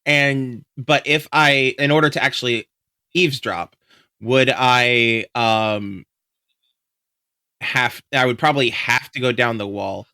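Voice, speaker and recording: A man takes part in a tabletop game, working through his plans out loud with frequent stops and restarts. His voice is bright and fairly low, and his pace is slow. The sound is dry and close. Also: clean tone, no room sound. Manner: halting, thinks aloud. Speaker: player.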